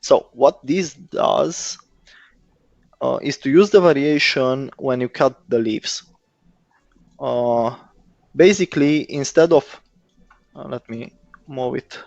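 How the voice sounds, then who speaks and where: Guy developer explaining things slowly and haltingly, dry muffled lo-fi recording. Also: mid-range voice, vocal fry, darkish tone, no room sound. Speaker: guest software developer. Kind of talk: casual technical explanation. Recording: dull lo-fi close dry audio.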